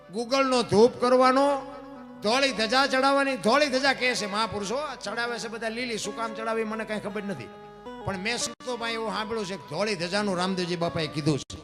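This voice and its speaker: A man telling a devotional folk story on stage, moving dramatically between hushed narration and loud acted lines. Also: high voice.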